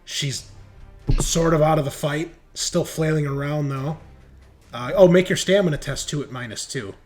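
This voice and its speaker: As game master of a tabletop roleplaying game, a man narrates casually and descriptively, improvising the story and making rules calls. His voice is a little high and a little mellow, at a moderate pace, with faint music in the background.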